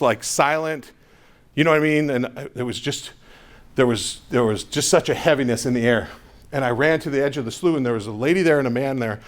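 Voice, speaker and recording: A man giving an energetic motivational talk to a live audience, telling a personal story with quick asides to the crowd. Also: a little high. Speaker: motivational speaker.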